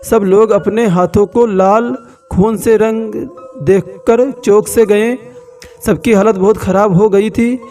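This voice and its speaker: A man narrating a scripted horror story slowly and dramatically with long pauses. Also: high-pitched, fairly even intonation, warm tone, recorded from a distance, soft background music.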